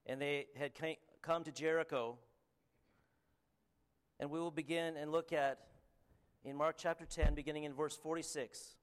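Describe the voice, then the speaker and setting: His voice is smooth and on the high side as he preaches and reads from scripture in a Canadian accent. He comes across as earnest, though he keeps stumbling with ums and restarts.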